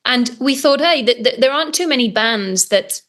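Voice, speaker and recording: Bright-voiced woman metal singer chatting. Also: on the high side, animated, moderate pace. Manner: chatty, enthusiastic, frequent ums and restarts. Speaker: metal singer, interview guest. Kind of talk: casual interview chat.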